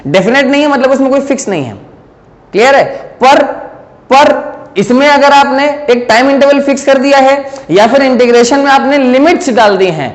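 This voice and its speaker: High-voiced male teacher in an echoing classroom. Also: normal speed. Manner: explains step by step, mixes Hindi and English, keeps checking "clear hai?". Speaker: physics teacher. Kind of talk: classroom lecture at a board.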